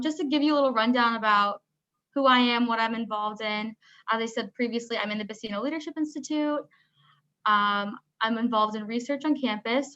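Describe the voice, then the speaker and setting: Young female student, speaking through a face mask, higher bright voice, informal introduction. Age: young adult. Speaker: student panelist. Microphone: video call. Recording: dull lo-fi video-call audio.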